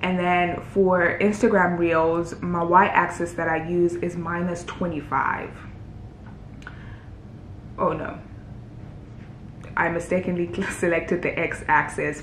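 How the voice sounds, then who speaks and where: A young woman walking through her video edits in a casual tutorial, relaxed and chatty, thinking aloud as she goes. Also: measured pace. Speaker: fitness creator showing her editing workflow. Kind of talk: casual screen-recorded tutorial. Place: indoor room, voice-over on a screen recording. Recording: roomy with faint rumble.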